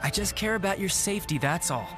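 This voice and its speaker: An actor playing a polite but competitive young male warrior in a video game, smooth and teasing, with game music behind. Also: sits high, animated, fast. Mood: confident.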